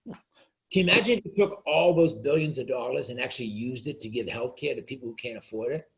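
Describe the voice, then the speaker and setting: Gravelly-voiced man ranting passionately. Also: mid-range voice, quick pace, dull audio. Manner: passionate, ranting, repeats words. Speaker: author and guest. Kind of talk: casual interview chat.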